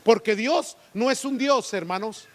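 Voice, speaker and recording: A man's voice: high-pitched, measured pace, a bit bright. A man, preaching a sermon as pastor, full of rhetorical questions. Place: church sanctuary. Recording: long church hall reverb.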